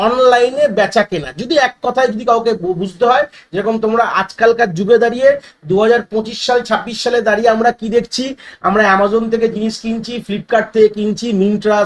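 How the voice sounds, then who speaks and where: Male tutor, very high voice, quick delivery, talks directly to students. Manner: addresses students directly, mixes English terms into Bengali; repeats phrases and restarts mid-sentence. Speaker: teacher. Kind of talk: exam-prep lecture.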